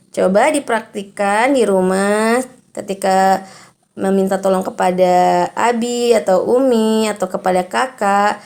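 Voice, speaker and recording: Slow, patient woman teaching children. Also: mid-range voice, a little mellow. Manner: reads example sentences with exaggerated rising intonation. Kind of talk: recorded class lesson for young children.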